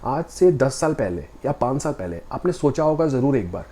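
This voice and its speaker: A man's voice: mid-range voice, big pitch swings, normal speed, dark tone. A man giving a motivational talk, speaking directly and conversationally to the viewer and asking rhetorical questions.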